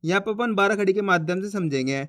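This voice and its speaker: A man with a high-pitched voice teaching a beginners' reading lesson. He speaks patiently, drawing out syllables and repeating them one by one. He keeps checking whether the learner is following along. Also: fast, a bit bright.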